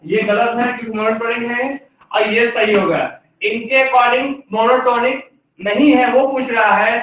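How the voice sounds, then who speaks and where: Male math teacher, high bright voice, step-by-step explainer, heard from a distance with a dull tone. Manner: explains step by step with rhetorical questions. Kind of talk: classroom lecture. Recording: distant, echoey room, dull sound.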